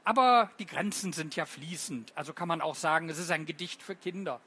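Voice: medium pitch, a little fast, bright, forceful tone, slight background noise. An author giving a live poetry reading for children, playful and chatty, quizzing the audience with many questions. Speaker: author reading own poems.

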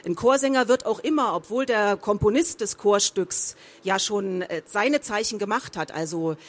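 A woman's voice: mid-range voice, moderate pace. A woman speaking as a professional voice-over artist, teaching how to read texts aloud and demonstrating emphasis with example sentences.

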